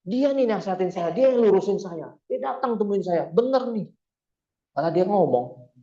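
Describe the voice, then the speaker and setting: Male preacher, casual lively sermon, slightly high pitch. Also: normal speed, lo-fi sound. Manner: lively storytelling, acts out quoted voices. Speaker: Islamic preacher. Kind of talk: casual Jakarta-style sermon.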